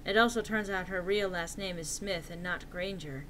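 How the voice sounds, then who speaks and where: A woman's voice: fairly low pitch, moderate pace, a bit bright, slight background noise, poor audio. A woman giving a dramatic reading of fan fiction with the theatrical delivery of a hammy stage actor. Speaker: reader.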